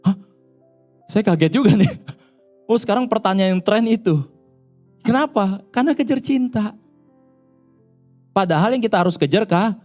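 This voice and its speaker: A man's voice: sits high, expressive, normal speed, long pauses, darkish tone, soft background music. A male pastor preaching a sermon in a chatty storytelling way, often turning to speak straight to the congregation.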